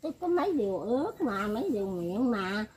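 A woman's voice: mid-range voice, very animated, a little fast, very noisy. An elderly woman talking in a rambling, casual way, often laughing as she speaks. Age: older. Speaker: elderly woman being interviewed.

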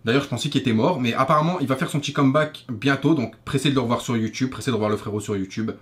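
Fast-talking young Frenchman, heavy street slang. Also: mid-range voice. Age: 20s. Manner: French street slang, swearing, familiar address. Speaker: gaming YouTuber and streamer. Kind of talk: casual rant to camera over gameplay. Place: small bedroom, indoors. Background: faint music.

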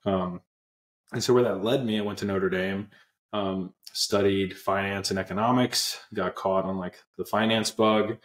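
A young man from Pennsylvania, USA, co-founder of an app, joins a video call as a guest through an earbud headset and tells his story earnestly in a casual interview, with lots of fillers and restarts. His voice sits low with a steady tone and a slightly slow pace. He is in a small indoor room that gives the audio some reverb.

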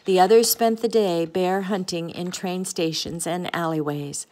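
A woman reading a picture book aloud in an expressive, gentle way. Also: on the low side, a little slow. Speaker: storybook reader.

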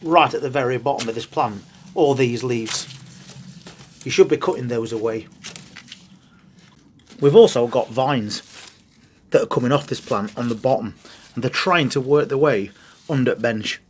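A man's voice: medium pitch, normal speed, pauses often, a little hiss or hum. Guy in his 60s, gardening tips in a greenhouse, down to earth, talks right at you. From England. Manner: plain, practical, talks straight to camera. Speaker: gardening channel host. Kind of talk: instructional gardening video. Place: greenhouse on an allotment.

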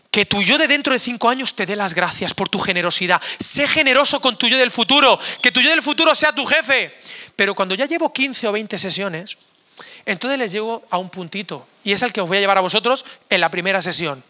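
Hoarse animated pastor, bright voice. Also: male voice, high-pitched. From Spain. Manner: animated, jokey, acts out quoted voices. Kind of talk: energetic youth sermon. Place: church hall.

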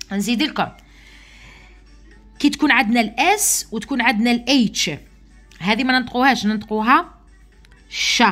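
A woman with an Algerian Arabic accent teaching English letter sounds to young pupils in an online lesson, patient, repeating sounds slowly and often checking that they follow. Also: fairly high pitch, a bit bright.

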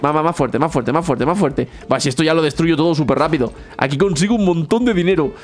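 A man giving excited gameplay commentary, repeating words in quick bursts. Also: on the high side, faint music behind. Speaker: gaming youtuber.

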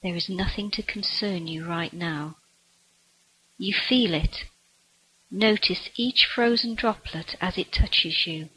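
Slow, breathy woman guiding a meditation. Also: on the low side, pushed and bright, rough recording. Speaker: meditation guide. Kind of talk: guided relaxation meditation.

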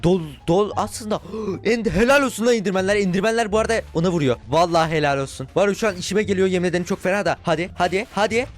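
A young man with a Turkish accent narrates his game session at a rapid clip. His voice sits fairly high and jumps into loud bursts of frustration and cheering. Faint game music plays underneath. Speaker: gaming YouTuber. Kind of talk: excitable gameplay commentary.

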